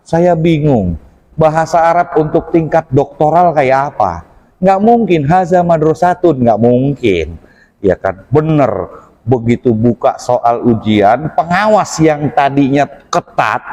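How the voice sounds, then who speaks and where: A man gives an easygoing mosque talk, his voice sitting a little high. He tells his stories with lively jumps in pitch as he plays out each quoted exchange. A long reverb from the mosque hall trails every phrase. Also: unhurried. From Indonesia. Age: 40s. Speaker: preacher. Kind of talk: casual mosque talk with anecdotes.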